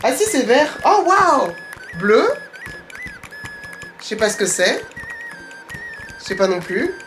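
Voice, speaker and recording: A young woman vlogging at home in a chatty, excitable way, exclaiming as she goes, recorded on a camera mic. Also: on the high side, takes it slowly, music in the background. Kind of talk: casual vlog chat. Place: at home, indoors.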